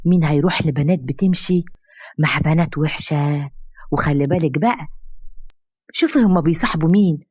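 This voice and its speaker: A woman's voice: sits low, fairly quick, long pauses, a little mellow, husky, no echo. A woman voicing a preachy, know-it-all young niece in an Egyptian Arabic storybook tale. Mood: lecturing.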